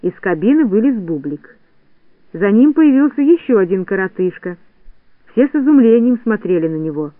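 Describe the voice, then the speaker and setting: High-voiced man reading a children's story. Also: sing-song, normal speed, no room sound. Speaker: audiobook narrator. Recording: dry phone-like narrowband audiobook.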